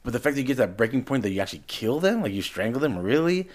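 A man's voice: medium pitch, big pitch swings, very fast, a little mellow. A man co-hosting a podcast in casual chat, talking animatedly and often repeating words as he restarts. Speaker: podcast co-host.

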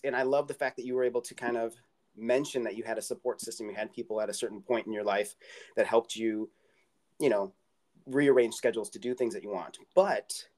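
A man hosting a podcast, talking with enthusiasm and rambling through his points. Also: on the low side. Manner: enthusiastic, rambling, restarts words. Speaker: podcast host. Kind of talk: casual interview talk.

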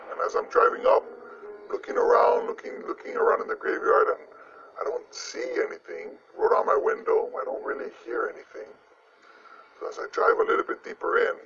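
Disguised-voice witness: male officer, altered gravelly voice, high and swooping, muffled lo-fi audio with loud music under it. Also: recorded from a distance. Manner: plain, matter-of-fact storytelling. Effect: electronically disguised voice. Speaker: police officer. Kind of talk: recounting a personal ghost story in an interview.

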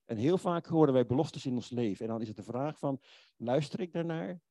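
A man delivers an earnest, pleading sermon. His voice is dark and mellow, and it sounds dry and close. He slows down and turns quiet whenever he quotes God. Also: medium pitch, animated, dry recording. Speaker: preacher.

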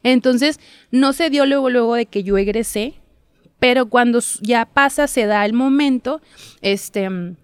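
A young woman, telling her story as a guest in a casual interview, chatty and quick to laugh. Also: on the high side, clean tone, no echo, clean studio sound. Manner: chatty storyteller, laughs often, acts out quotes. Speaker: guest, TV reporter.

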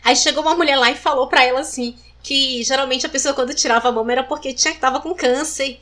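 Guest spot: woman, high voice, brisk animated storyteller. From Maranhão, Brazil. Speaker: interview guest. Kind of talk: personal story in conversation.

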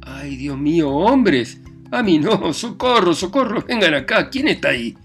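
A man voicing a flustered, jealous old husband who shouts in alarm and anger. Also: mid-range voice, lively intonation, brisk, soft background music, lightly acted. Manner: loud, blustering and frantic.

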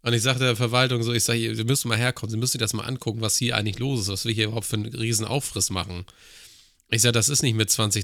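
Bright-voiced man telling stories. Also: on the low side, dry recording, studio quality. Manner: storytelling, crude slang, acts out dialogue. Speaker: podcast co-host. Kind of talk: casual chat.

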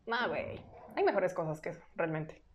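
A woman's voice: lowish voice, big pitch swings, normal speed, slight background noise. A young woman with a Mexican accent, co-hosting a podcast in casual, unscripted chat full of informal slang. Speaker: podcast co-host.

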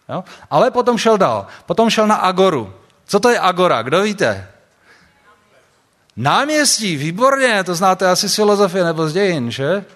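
A man's voice: a little high, fairly bright tone. A man giving a sermon to young people at a camp, speaking conversationally and putting questions to his listeners. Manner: conversational, asks the audience questions. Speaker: preacher. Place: camp talk before an audience.

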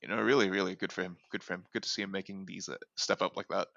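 A man's voice: low voice, little pitch movement, very fast, vocal fry, bright, forceful tone, no room sound, dull audio. A man co-hosting a casual sports podcast, talking in a rambling way with lots of fillers and restarts. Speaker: podcast co-host. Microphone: home podcast microphone.

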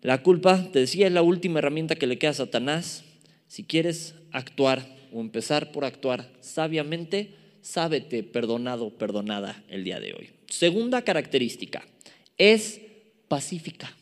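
A man's voice: fairly high pitch, lively intonation, normal speed. A man in his thirties with a Mexican Spanish accent, preaching a sermon with emphatic repetition and playful asides to the congregation. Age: 30s. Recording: long hall reverb.

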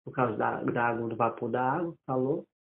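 A man in his twenties telling a personal story in casual conversation, animated and often restarting his sentences. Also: mid-range voice, fairly quick, vocal fry, a little hiss or hum. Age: 20s. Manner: animated, acts out quoted dialogue, many restarts. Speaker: interviewee. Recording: tinny phone-like audio.

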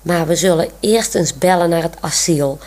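A woman's voice: lowish voice, moderate pace, a little mellow, close to an everyday voice. A woman reading aloud voices a sensible, thoughtful adult caretaker. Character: kindly adult female caretaker.

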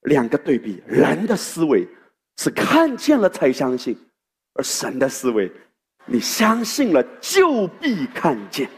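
A male pastor preaching a sermon to his congregation, animated and exhorting. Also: a little high, unhurried, gravelly, breathy edge. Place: church hall. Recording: echoey hall.

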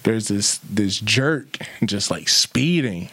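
A man's voice: lowish voice, expressive, takes it slowly, sharp tone, no room sound. Young guy rambling thru a story, lots of um and like, dry close sound. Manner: rambling, many fillers, acts out quotes. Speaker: guest telling a story. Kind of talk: casual chat.

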